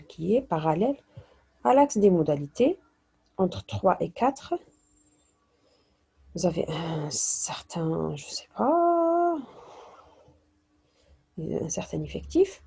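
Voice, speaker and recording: A woman's voice: lowish voice, creaky, warm tone, slightly rough. A woman teacher explaining a statistics lesson, slipping into Arabic dialect and restarting phrases. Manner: mixes French with Arabic dialect, hesitant restarts.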